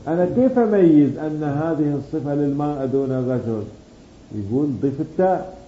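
A man's voice: a little high, brisk. A man teaching a grammar lesson, explaining patiently, drawing out key words, and asking and answering his own questions. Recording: dull roomy recording with faint background hum.

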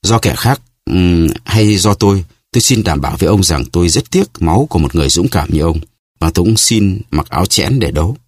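A man's voice: low voice, expressive, a little fast, slightly rough, no room sound. A man voicing an eager, earnest young swordsman who speaks with courteous resolve in an audiobook.

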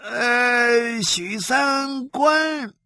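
A man voicing a boisterous male blood-station chief in a storybook reading, high and loud and laughing. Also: drawn-out words, no room sound, studio quality, exaggerated voice. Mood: gleeful.

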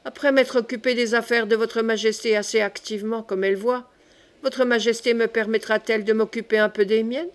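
A woman's voice: a little high, steady tone, a little fast, natural voice. A woman reading the part of a bold, loyal young male captain, speaking in a resolute, soldierly manner. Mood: determined. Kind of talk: audiobook character reading.

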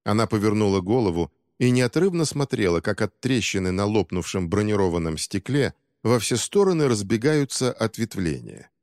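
Low guy reading an audiobook, steady and dramatic, dry voice with a long reverb. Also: moderate pace, hardly any pauses. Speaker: audiobook narrator. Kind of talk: scripted narration.

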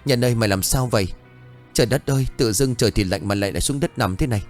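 A man's voice: medium pitch, fast, soft background music, voice pushed up, natural voice. A man voicing a worried young village wife and mother, fretful and calling out anxiously.

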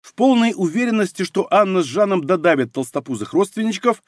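A man narrating an audiobook in an expressive storytelling manner. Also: high-pitched, brisk, no room sound, studio quality. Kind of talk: scripted narration.

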